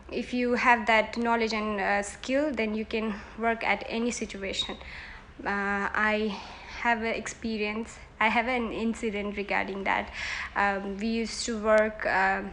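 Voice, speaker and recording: A woman's voice: mid-range voice, a bit bright, slight background noise, low-quality recording. A woman, giving earnest, hesitant answers in a mock job interview. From Nepal. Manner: earnest, hesitant, self-correcting.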